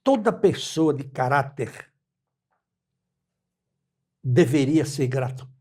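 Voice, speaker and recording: A man in his eighties from Brazil, speaking as an interview guest in a measured, reflective way and quoting scripture and proverbs. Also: mid-range voice, lively intonation, darkish tone, husky. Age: 80s. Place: his home.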